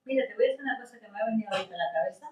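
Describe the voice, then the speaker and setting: A woman's voice: medium pitch, racing, far from the mic. A woman in a study group chatting eagerly about memories from her childhood. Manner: lively, tells family memories. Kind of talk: casual chat. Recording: roomy, off-mic.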